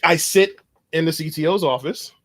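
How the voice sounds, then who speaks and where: A man guest on a podcast, telling a long anecdote in a loose, animated way and acting out the dialogue as he goes. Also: on the high side, moderate pace. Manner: animated, acts out dialogue in his stories; loose phrasing with frequent restarts. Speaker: podcast guest, cybersecurity consultant. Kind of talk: conversational storytelling.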